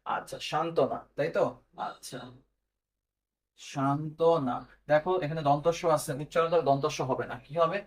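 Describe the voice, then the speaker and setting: A man's voice: fairly high pitch, fairly even intonation, normal speed, long pauses. A man teaching a pronunciation lesson step by step. He speaks Bengali with a Bangladeshi accent, asks his students questions and then answers them himself.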